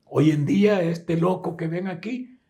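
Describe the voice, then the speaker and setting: A man's voice: high-pitched, a little slow. An older man from El Salvador with a Salvadoran accent, telling stories in a casual interview. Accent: Salvadoran Spanish. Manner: lively storyteller who acts out the people he quotes. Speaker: guest musician.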